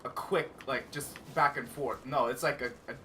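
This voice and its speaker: A young man in casual gaming chat, telling a story with animation and acting out his own panicked shouts. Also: mid-range voice, fairly even intonation, moderate pace. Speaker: cast member telling a story. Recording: voice a little distant from the mic, faint hiss.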